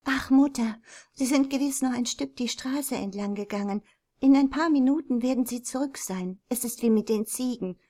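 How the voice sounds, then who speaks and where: A woman reading aloud, voicing a dark-haired teenage daughter in a storybook, reassuring and coaxing. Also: sits high, moderate pace, pitched above the performer's own voice. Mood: soothing.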